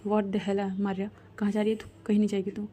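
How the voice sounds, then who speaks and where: A woman's voice: mid-range voice, completely flat delivery, fast talker, mellow, close to an everyday voice. A woman voicing a young woman's best friend who speaks firmly and comfortingly, in a storytelling voice. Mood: alarmed. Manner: firm and comforting.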